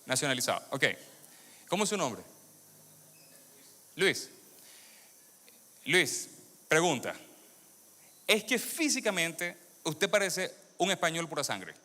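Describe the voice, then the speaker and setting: Fairly high and sharp, this Venezuelan-born man's voice swings widely in pitch as he moves slowly with frequent pauses. He gives a sermon testimony to a congregation, questioning them and repeating phrases for emphasis, captured with long hall reverb.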